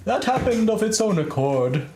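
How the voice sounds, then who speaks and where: Man playing a high-pitched, giddy talking fish. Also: big pitch swings, moderate pace, darkish tone. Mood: gleeful boasting. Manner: theatrical, pompous, gleeful. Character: giddy, grandiose talking fish, boastful and mischievous. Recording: echoey room with background noise.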